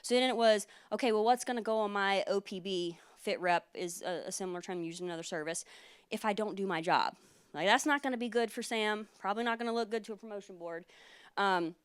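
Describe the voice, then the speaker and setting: A woman in her thirties, a military lawyer, giving an earnest conference presentation with frequent fillers, her voice a little hoarse. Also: medium pitch, fairly quick. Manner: earnest, explanatory, many fillers. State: losing her voice.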